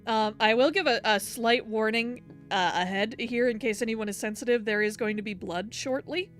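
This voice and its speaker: A woman's voice: a little high, normal speed, fairly bright tone, faint music behind. A woman chatting casually as she runs a game read-through for players. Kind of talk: casual gameplay chat.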